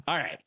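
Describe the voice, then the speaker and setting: A man's voice: pushed and bright, dry recording. A man co-hosting a podcast in casual chat, joking, laughing often and stubbornly arguing his point. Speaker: podcast co-host.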